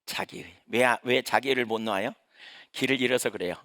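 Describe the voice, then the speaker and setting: A man's voice: mid-range voice, a little fast, fairly bright tone, no room sound, clean studio sound. A male pastor preaching a sermon in a conversational way, asking the congregation questions as he goes.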